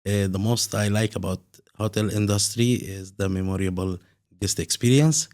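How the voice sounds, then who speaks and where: A man from Egypt, introducing himself briefly and haltingly as an interview guest. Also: fairly low pitch, a little mellow. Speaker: hotel manager, guest. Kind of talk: casual interview chat.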